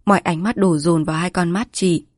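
A woman reading a village story aloud as a steady, measured audiobook narrator. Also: lowish voice, no room sound, clean studio sound.

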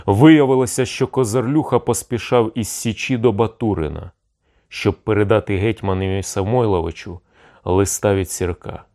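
A man narrating an audiobook with steady storytelling. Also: lowish voice, moderate pace. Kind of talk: scripted narration.

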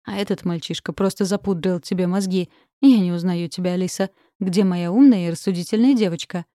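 A woman's voice: fairly low pitch, steady tone, a little fast, mellow, dry recording, clean studio sound, natural voice. A woman voicing a strict, furious middle-aged mother who gives harsh commands in an audiobook. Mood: offended.

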